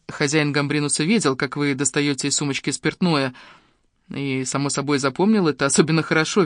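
A man voicing a calm, methodical detective in an audiobook, laying out evidence in a measured way. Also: a little high, dry recording, studio quality, natural voice. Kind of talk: audiobook character reading.

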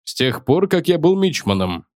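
A man voicing a gruff, seasick copilot and former navy man who wheezes out his words in a slow drawl, as an audiobook character voice. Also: on the high side, very animated, darkish tone, dry recording, studio quality.

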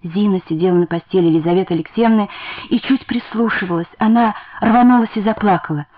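A woman's voice: mid-range voice, fast talker. Woman narrating on muffled radio. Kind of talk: dramatic audiobook reading.

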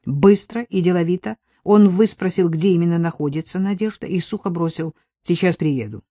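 A woman reading an audiobook in a measured, expressive way. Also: on the low side, dry recording, clean studio sound. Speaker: audiobook reader. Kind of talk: scripted narration.

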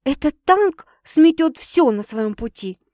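A woman reading aloud puts on a flustered young woman confessing to her sister, sardonic and quick to swear. The voice sits fairly high and dry, close to the mic. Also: animated, a little mellow, no room sound. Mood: rattled. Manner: exasperated, sardonic retorts with profanity. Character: young woman Sasha, rattled, sardonic and embarrassed.

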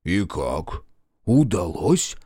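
A man reading a story aloud, voicing a cunning male detective who questions people slowly and slyly. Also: low voice, big pitch swings, mellow, breathy edge, dry recording, clean studio sound, voice pushed down, exaggerated voice. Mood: menacing. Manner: probing, slow, sly.

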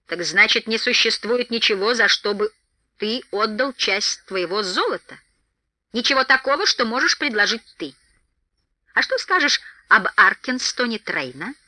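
A woman's voice: on the high side, animated, normal speed, pushed and bright, dry recording. Woman voicing a firm, grave bowman leader. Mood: challenging.

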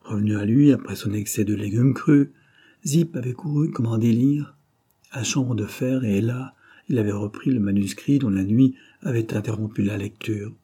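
A man narrating an audiobook of a classic novel in a measured, literary way. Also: on the low side, warm tone, husky.

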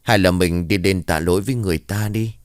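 A man's voice: low-pitched, fairly quick, smooth, dry recording, clean studio sound, natural voice. A man voicing a village mother who scolds her son and apologizes to a grieving family. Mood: subdued. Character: stern worried mother of a young man.

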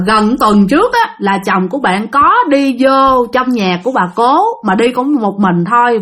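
Lively Southern Vietnamese woman storyteller. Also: fairly high pitch. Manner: lively, addresses listeners directly. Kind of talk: ghost story narration.

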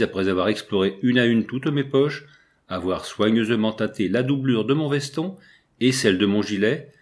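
Un homme lit à voix haute un roman d'aventures, en narration écrite, avec un français et des dialogues joués légèrement. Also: male voice, medium pitch. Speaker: audiobook reader. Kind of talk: scripted narration.

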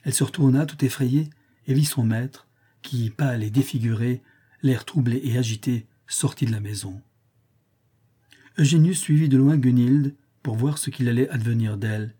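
A man narrating a literary audiobook in a measured, even storytelling manner. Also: mid-range voice, husky.

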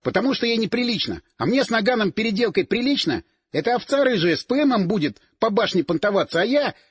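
A man's voice: high-pitched, animated, a little fast, breathy edge, no echo, studio quality. A man voicing an indignant young man nicknamed Rat, sputtering with outrage in an audiobook.

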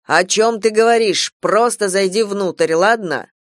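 A woman's voice: mid-range voice, no room sound, studio quality, natural voice. A woman voicing an anxious, weary father who speaks firmly and reassures in a hurry, in an audiobook. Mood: urgent. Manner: firm, hurried reassurance. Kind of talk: audiobook character voice.

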